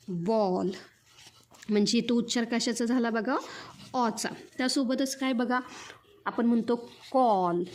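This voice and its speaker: A woman's voice: fairly high pitch, a little mellow. A young woman teacher with a Marathi accent, explaining sounds to pupils and often repeating her questions. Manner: repeats questions to students, spells out sounds slowly. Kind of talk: classroom lesson explaining English vowel sounds.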